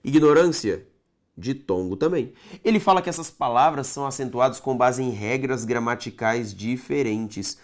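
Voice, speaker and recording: A man's voice: medium pitch, normal speed. A man teaching a grammar lesson for exam prep, stretching out syllables and asking himself rhetorical questions.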